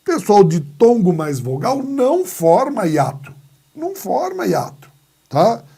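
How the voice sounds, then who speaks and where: A man's voice: high voice, big pitch swings, slow pace, creaky, dark tone, breathy edge. A Brazilian man teaching a grammar lesson, asking and answering his own questions and acting out little skits. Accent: Brazilian Portuguese. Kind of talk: lively classroom lesson with playful asides. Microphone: recorded video lesson.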